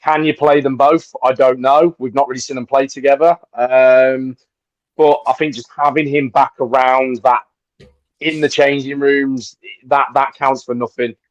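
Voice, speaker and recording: A man hosting a casual football podcast, handing out questions to the panel in a relaxed way. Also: medium pitch, unhurried, dry recording, highs cut off. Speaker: podcast host.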